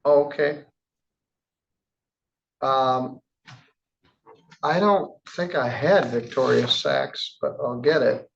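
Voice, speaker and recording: A man presiding as a judge in a courtroom, reading charges in a measured, formal way with casual asides. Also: mid-range voice, gravelly, dull audio. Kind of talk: courtroom proceedings.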